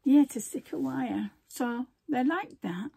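A woman's voice: high-pitched, expressive, slow pace, creaky, warm tone, breathy edge. An older woman, chatting casually as she shows off craft supplies at home, rambling and breaking off mid-sentence. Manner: chatty, rambling, self-interrupting. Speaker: crafting vlogger. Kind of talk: casual show-and-tell chat.

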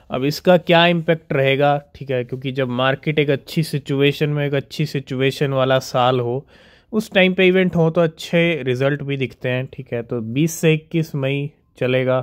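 A man giving casual crypto news commentary, reading English headlines slowly and explaining them in Hindi, often checking in with "theek hai?". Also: mid-range voice. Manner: keeps asking "ठीक है?" to check in with viewers.

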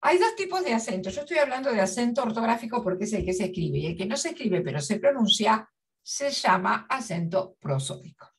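A woman teacher giving a literature lesson, slowly spelling out syllables and repeating her examples. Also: a little high, sing-song, distant mic. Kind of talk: classroom lesson.

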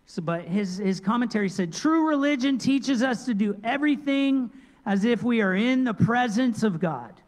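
A middle-aged male pastor preaching a sermon into a handheld mic, moving between loud emphatic points and quiet asides. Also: extremely high pitch, lively intonation, normal speed. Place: large church sanctuary. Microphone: handheld microphone. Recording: long church reverb.

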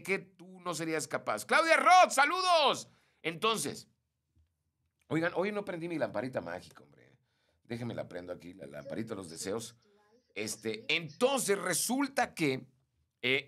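A young Mexican man hosting a casual live stream, reading and greeting viewers by name. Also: a little high. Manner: animated, greets viewers by name, mimics shrieks.

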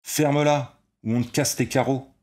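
A man voicing a crude red-haired ball player in his thirties with a loud, grating voice who barks taunts. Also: medium pitch, steady tone, normal speed, voice pushed up, natural voice. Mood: taunting. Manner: barking, taunting.

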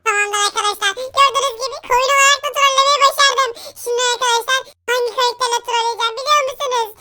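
A man's voice: very high voice, steady tone, very fast, pushed and bright, full character voice. A man voicing a mischievous baby prankster who narrates a block-building game to viewers in a chirpy way. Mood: gleeful. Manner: chirpy, keeps saying "friends" to viewers.

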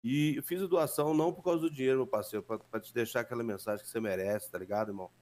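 A man's voice: medium pitch, very fast, a little mellow. A man on a gaming stream giving an earnest, heartfelt message of support, full of slang and blessings. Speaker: guest donor. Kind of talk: casual heartfelt speech.

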